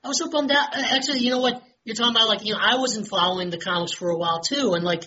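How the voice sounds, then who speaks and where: A woman rambles through a casual group chat, piling on fillers as she goes. Her voice is bright and a little husky. The recording is dull and lo-fi. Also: a little high, racing.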